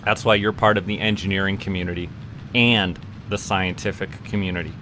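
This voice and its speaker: Background noise runs under a low, steady male voice that moves a little fast. The speaker, a VTuber streamer from Canada, rambles through casual livestream chat with viewers while playing, stumbling on repeated words.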